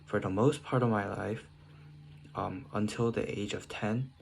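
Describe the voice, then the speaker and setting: A man's voice: fairly low pitch, measured pace, vocal fry, slight background noise. A teenage boy from South Korea reading a prepared essay aloud in short phrases, with small slips and restarts. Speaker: student.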